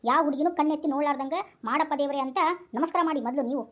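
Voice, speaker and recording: Comic lead for a skit, very high voice, teasing and chatty. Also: steady tone, racing, dull audio. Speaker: skit creator and main performer. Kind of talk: comedy skit dialogue.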